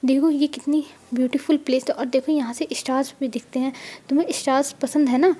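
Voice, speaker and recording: A woman's voice: high-pitched, fairly even intonation, a little fast, dark tone, lightly acted. A woman voicing a devoted, reassuring young husband in a storybook reading, in her own plain voice. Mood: tender.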